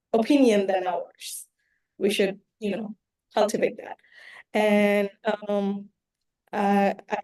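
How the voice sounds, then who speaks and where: A woman's voice: mid-range voice, darkish tone. A woman from Bangladesh, a council member giving a hesitant report at a meeting, with many fillers.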